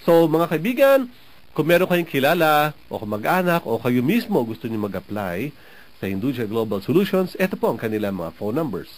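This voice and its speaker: Filipino guy hosting a talk show, chatty, keeps asking "no?", mid pitch voice. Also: big pitch swings, fairly quick, a little hiss or hum. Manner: chatty, often adds "no?" and laughs. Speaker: radio program host. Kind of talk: casual advice talk to listeners.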